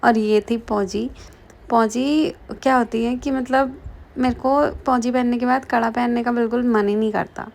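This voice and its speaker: A woman's voice: a little high, fairly even intonation, moderate pace, vocal fry, darkish tone. A young woman from the Kumaon hills, chatting casually through her vlog narration with lots of fillers. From Kumaon, Uttarakhand. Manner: chatty, frequent fillers, laughs while telling. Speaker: vlogger.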